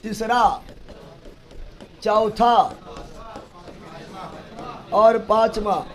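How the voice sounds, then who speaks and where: A male teacher runs an exam-prep class, hammering terms home through repetition. His voice sits very high, and he moves at an unhurried, slow pace. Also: flat delivery. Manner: scolding, repetitive drilling.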